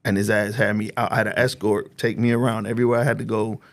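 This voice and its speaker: Brief: New man in his forties, gravelly voice, swears freely while acting out dialogue. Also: fairly low pitch, little pitch movement, fast talker. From New Jersey. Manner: streetwise and profane, acting out dialogue. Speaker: guest. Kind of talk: casual storytelling.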